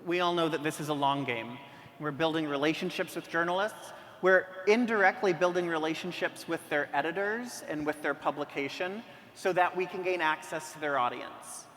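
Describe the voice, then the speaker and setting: Bright-voiced man on a conference panel. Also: fairly high pitch, normal speed. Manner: conversational, acts out quoted dialogue. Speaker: physician panelist. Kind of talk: panel discussion. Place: large conference hall. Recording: reverberant hall with faint noise.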